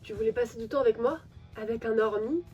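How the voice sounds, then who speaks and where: A woman voicing a dry, teasing gothic teenage girl who speaks in a flat, ironic way, in an amateur fan voice drama. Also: on the high side, fast talker, muffled recording, soft background music, close to an everyday voice. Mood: deadpan.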